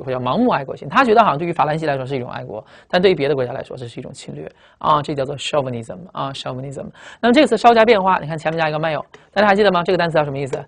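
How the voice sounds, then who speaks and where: Guy w rattling off vocab lessons super fast, keeps repeating himself and checking ok?. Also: on the high side, a bit bright. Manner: rapid, repetitive explaining with frequent tag questions. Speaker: English vocabulary teacher. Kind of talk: fast recorded vocabulary lecture.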